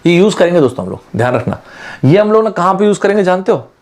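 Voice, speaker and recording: Man, online aptitude lecture, fairly high voice, chatty, friendly with students. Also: very animated, rapid-fire, darkish tone. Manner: chatty, addresses students as friends, mixes English terms into Hindi. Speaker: aptitude teacher. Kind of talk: online exam-prep lecture.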